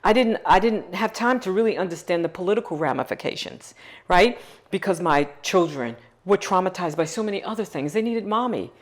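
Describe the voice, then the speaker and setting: A woman's voice: lowish voice, animated, a little fast. A middle-aged woman, a nonprofit founder, speaking earnestly and emphatically in a documentary interview.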